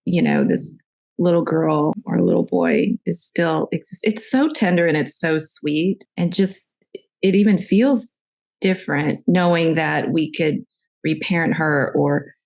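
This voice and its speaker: A woman's voice: low-pitched, lively intonation, measured pace, gravelly, a little mellow. A woman hosting a podcast interview, talking candidly and reflectively about her own experiences. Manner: candid, reflective, shares personal stories. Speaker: podcast host. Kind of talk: conversational interview.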